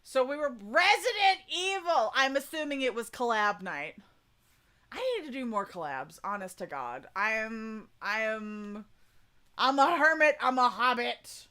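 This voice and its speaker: Chatty woman streamer with a bright, high voice. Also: lively intonation, measured pace. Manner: chatty, informal, folksy "y'all". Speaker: VTuber streamer, voice coach. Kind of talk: casual livestream chat.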